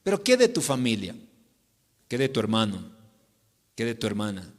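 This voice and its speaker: A man preaching a sermon to his congregation, swinging between loud declarations and hushed pleas. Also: fairly low pitch, huge pitch swings, moderate pace. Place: church sanctuary. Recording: long church reverb.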